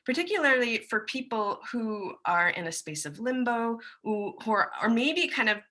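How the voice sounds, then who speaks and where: A woman's voice: fairly high pitch, very animated, moderate pace, bright, forceful tone. An American woman giving a friendly, chatty conference presentation over a video call, with plenty of loose fillers. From United States. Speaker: presenter, musician and songwriter.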